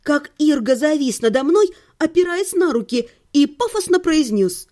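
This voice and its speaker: A woman reads a humorous first-person story aloud in a homemade audiobook. Her voice sits high, with a mellow, soft-edged tone. She gives the narration a playful, ironic lilt and plays up the dramatic exclamations. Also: expressive, moderate pace. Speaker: audiobook reader. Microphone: home recording.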